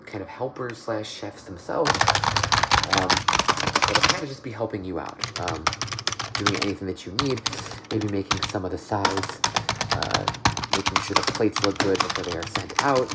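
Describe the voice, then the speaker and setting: A soft-spoken man in an ASMR job interview role-play, playing the interviewer and speaking haltingly, often repeating and rephrasing his phrases. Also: deep voice. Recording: noisy, with clicking and typing sounds.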